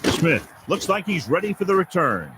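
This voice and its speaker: A football game's play-by-play announcer with a somewhat high voice that rises and falls a lot. He calls each play in brisk, clipped phrases. A steady hiss runs under the game audio. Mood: calm. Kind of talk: sports play-by-play commentary.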